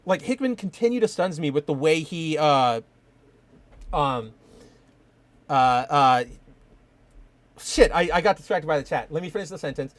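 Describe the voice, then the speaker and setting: A man's voice: a little high, lively intonation, moderate pace, pauses often, no room sound. A young man hosting a casual live-streamed podcast, rambling and enthusiastic, full of fillers. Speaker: podcast host.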